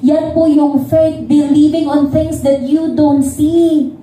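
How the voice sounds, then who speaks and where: A woman's voice: sits high, little pitch movement, slow, warm tone. A Filipino woman pastor leading an altar call, pleading and repeating phrases and drifting into song as she preaches. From Philippines. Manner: mixes Tagalog and English, repeats pleading phrases, drifts into singing. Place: church hall. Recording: echoey church hall, voice from far off, music behind.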